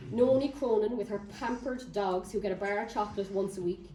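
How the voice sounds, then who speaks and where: A woman's voice: mid-range voice, a little fast, mellow, far from the mic, a little hiss or hum. A woman with a County Cork Irish accent gives an informal local history talk, telling stories with wry humour. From Ireland. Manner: wry, lightly humorous. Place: echoey indoor room before an audience. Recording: echoey room, picked up from afar.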